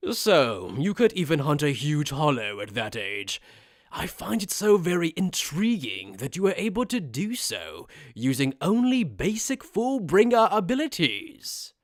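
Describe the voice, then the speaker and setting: Theatrical, smug anime villain lord, higher-pitched. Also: male voice, very animated, a little slow, no room sound, studio quality. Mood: amused, condescending. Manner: theatrical, overacted anime-dub villain delivery, mocking. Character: smug, sadistic aristocratic death god, amused, condescending man. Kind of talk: anime fan-dub character acting.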